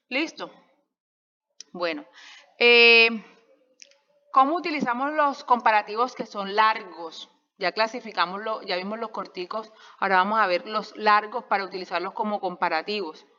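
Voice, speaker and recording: A woman's voice: medium pitch, moderate pace, sharp tone, in a large hall, lo-fi sound. A woman teaching an English grammar lesson in a slideshow recording, patient and explanatory, often checking understanding and correcting herself as she talks. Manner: self-correcting, stretches out example sentences.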